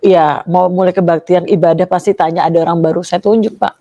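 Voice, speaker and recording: A woman's voice: fairly low pitch, fairly even intonation, a little fast, warm tone, muffled recording. A young woman giving an emotional personal testimony, telling her story with animation and acting out what other people said. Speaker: guest giving a conversion testimony.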